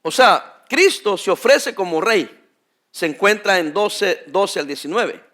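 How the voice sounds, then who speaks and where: A male pastor preaching a sermon, emphatic and addressing the congregation directly as brothers, often pausing so they can finish his phrases. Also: high-pitched, expressive, a bit bright.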